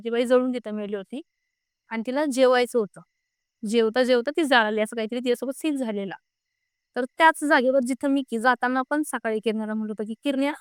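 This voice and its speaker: A woman's voice: on the high side, clean tone, no room sound, studio quality. A young woman casually recounting her own frightening experience, retelling what everyone said in quoted bits. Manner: animated retelling with repeated quoted speech. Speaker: guest telling her own ghost experience. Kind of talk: casual spoken storytelling.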